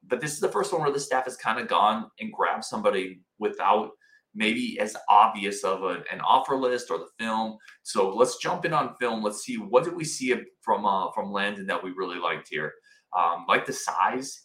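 A man with a bright, fairly low voice podcasts from a roomy wooden cabin, where the room echoes audibly. As a sports podcast host, he delivers casual commentary to live viewers in an enthusiastic, informal way.

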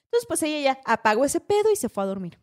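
Lively Mexican woman telling a story. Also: high-pitched, fast. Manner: lively, slangy, acts out voices. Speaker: podcast host. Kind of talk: casual storytelling chat.

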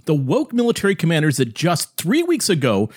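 Male opinion host, accusing and indignant, slightly high husky voice. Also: wildly swooping pitch. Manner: indignant, accusing, slows to punctuate. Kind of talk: opinion commentary.

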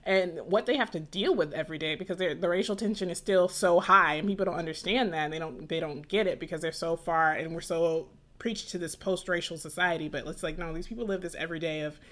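A young adult podcast host from Atlanta, USA, talks in a lowish, fairly bright voice at a quick pace with few pauses. The conversation is casual and rambling, full of restarts and laughs.

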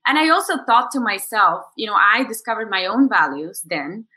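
Animated and at a moderate pace, the Bulgarian coach in her thirties shares her story reflectively as a podcast guest. Her mid-range voice has a sharp tone, and she often uses fillers and restarts.

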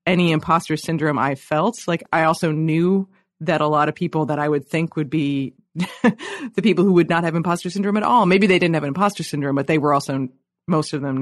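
A man with a voice pitched a little higher than most, talking as an interview guest. He tells his stories in an animated, chatty way. He fills his sentences with "like" as he goes. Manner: animated storyteller, many "like" fillers. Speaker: guest, science journalist and author. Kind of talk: casual interview conversation.

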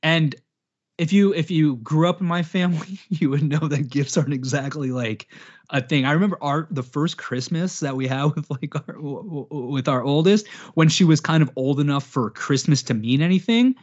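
A man in his thirties hosting a podcast in casual chat, rambling and self-mocking, often speeding up as he gets animated. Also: on the high side, normal speed. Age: 30s. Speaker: podcast host. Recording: dull lo-fi podcast audio.

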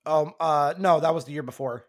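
A man's voice: a little high, steady tone, a little fast. A man hosting a casual sports podcast, talking in a rambling, self-correcting way while losing his voice. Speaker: podcast host.

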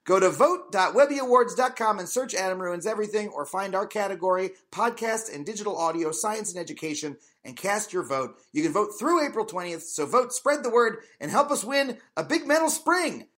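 A man hosting a podcast, talking with playful, excitable enthusiasm into a studio mic. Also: high-pitched, no room sound. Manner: animated, rapid, playful enthusiasm. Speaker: podcast host. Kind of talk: excitable podcast intro and interview.

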